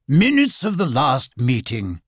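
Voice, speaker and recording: Male narrator doing a pompous owl chairman, slow and officious; dry close sound. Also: mid-range voice, wildly swooping pitch, no room sound.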